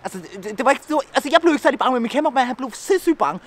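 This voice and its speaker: A man's voice: very high voice, animated, fairly bright tone. A young man hosting a vlog from inside a car, joking and teasing in brash, slang-heavy casual talk. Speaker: vlogger host. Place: inside a car at a drive-through attraction. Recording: noisy in-car recording.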